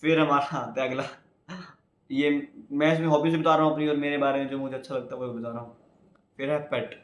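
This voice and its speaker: A man's voice: mid-range voice, steady tone, brisk, reverberant. A young man from India talking casually to his viewers, rambling and chatty, often calling them guys. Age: young adult. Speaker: YouTuber. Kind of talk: casual vlog talk.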